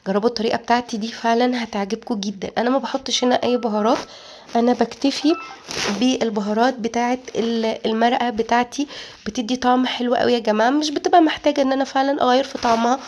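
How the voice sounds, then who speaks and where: Egyptian woman, cooking vlogger, quick and chatty, voice sits a little high, talks straight to viewers. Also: fairly even intonation, darkish tone, a little hiss or hum. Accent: Egyptian Arabic. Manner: chatty, addresses viewers directly. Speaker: cooking channel host. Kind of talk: casual cooking vlog narration.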